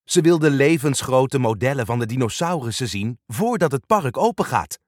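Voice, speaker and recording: A man reading a storybook and voicing Bob, a calm, friendly builder who explains things plainly. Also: medium pitch, normal speed, dry recording, clean studio sound, close to an everyday voice. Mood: instructive. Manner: calm, instructive speech.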